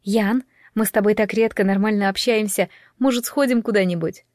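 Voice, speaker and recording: A woman's voice: medium pitch, steady tone, fairly quick, darkish tone, no room sound, lightly acted. Woman voicing a flustered young sorceress, anxious and pleading, dry close sound. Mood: shy.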